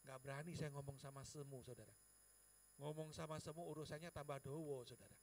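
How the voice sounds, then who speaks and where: Man, pastor, emotional sermon storytelling, high voice, distant mic. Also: fairly even intonation, fairly quick, a little hiss or hum. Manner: emotional storytelling, swinging from hushed to crying out.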